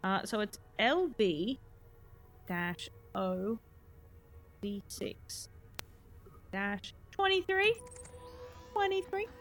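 A woman with a mid-range, animated voice speaks very slowly and pauses often as she casually chats during a game livestream, laughing a lot and replying to her chat. Music plays behind her.

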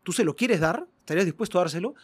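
Animated, lively man priest. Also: high voice, rapid-fire, husky. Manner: animated, acts out little dialogues in other voices; laughs often. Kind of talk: casual chat.

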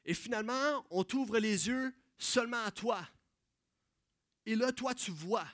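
A man with a Quebec French accent preaching a sermon, swinging from loud exclamations to hushed, soft passages. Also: very high voice, a little slow, no echo, studio quality.

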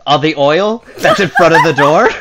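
A woman's voice: deep voice, very noisy. A woman playing a tabletop game, casual and hesitant, thinking aloud as she plans. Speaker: player. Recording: dull lo-fi audio.

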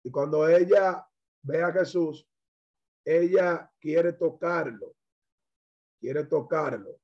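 A man's voice: a little high, darkish tone, lo-fi sound. A man preaching a sermon in Spanish, explaining a Bible passage verse by verse and quoting scripture. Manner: slow, measured preaching with scripture quotes.

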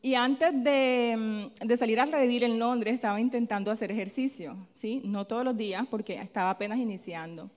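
Woman preaching, fairly high voice, asks stuff then answers it herself, lots of "¿sí?", big hall echo. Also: normal speed, few pauses. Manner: asks the congregation questions and answers them herself, tagging lines with "¿sí?"; tells a personal story in a softer, chatty tone. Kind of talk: sermon with call-and-response questions. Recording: long hall reverb.

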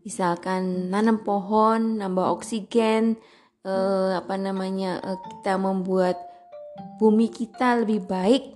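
Slow-talking playful woman. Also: medium pitch, steady tone, a little mellow, soft background music. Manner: chatty and playful, laughs at her own jokes, acts out little scenes. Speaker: podcast host. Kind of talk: casual solo podcast monologue.

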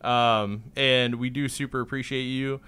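A man's voice: mid-range voice, steady tone, a little slow, bright, forceful tone, clean tone. A man co-hosting a podcast interview, asking thoughtful, probing questions. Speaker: podcast co-host.

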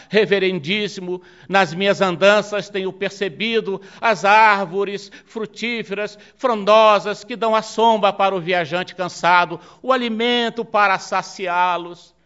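A man's voice: high-pitched, a bit bright, lo-fi sound. A man voicing a humble young friar who fervently implores the pope, his voice rising in emotional swells.

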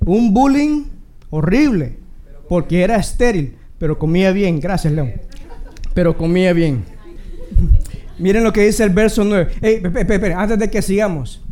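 A man's voice: high-pitched, animated, normal speed, mellow. A man with a Dominican accent preaching a sermon, earnest and conversational, with bursts of humor. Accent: Dominican Spanish. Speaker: pastor.

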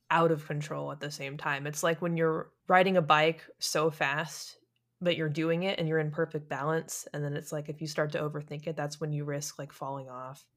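Deep-voiced woman hosting thoughtfully. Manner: thoughtful, searching for words, exploratory. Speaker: podcast host. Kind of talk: casual conversation.

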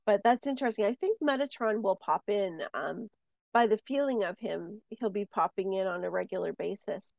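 A woman's voice: mid-range voice, moderate pace, creaky, dry recording, highs cut off. A woman talking casually as a medium, passing on spirit messages and telling a personal story, with many fillers and restarts. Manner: rambling with many fillers and restarts, lively when telling stories. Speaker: medium, podcast co-host.

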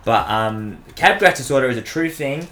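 A man's voice: medium pitch, expressive, normal speed, a bit bright. A man hosting a casual podcast chat, rambling with frequent restarts and laughter while he explains a quiz. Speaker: podcast host.

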